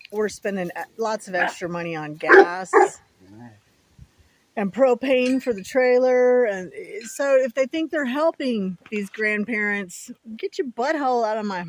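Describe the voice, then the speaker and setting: A woman chatting casually to viewers outdoors in a folksy, rambling way, with wind on the mic. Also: medium pitch. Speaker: vlogger. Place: outdoors at home, with pets around.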